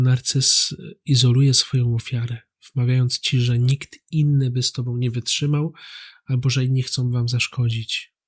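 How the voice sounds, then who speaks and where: A calm man with a pitch in the middle for his sex reads a scripted narration. He speaks straight to the listener in a steady, even way, like the host of a psychology channel.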